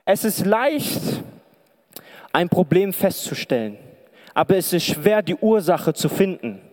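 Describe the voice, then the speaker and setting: A man preaching to an audience from a stage, talking conversationally and firing question after question at them. His voice sits a bit higher than most men's, and it rings out with a long reverb from the big hall around him. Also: big pitch swings, a little slow, a little mellow. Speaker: preacher and pastoral counselor. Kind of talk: sermon. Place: lit stage before an audience in a large hall.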